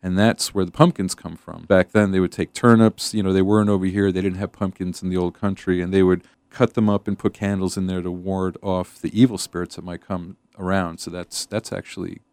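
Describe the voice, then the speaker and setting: A man's voice: low voice, flat delivery, a little fast, hardly any pauses, darkish tone, clean tone, dry recording. A man from western Massachusetts, a regular radio guest and web designer, explaining things in a rambling, casual way with many restarts.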